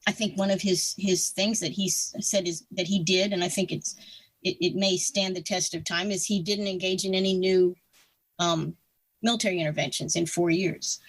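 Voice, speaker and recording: A woman's voice: mid-range voice, dry recording. Outspoken sixty-year-old woman, dry sound. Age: 60s. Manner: frank, opinionated, with many restarts and fillers. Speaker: podcast guest. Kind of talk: casual interview talk.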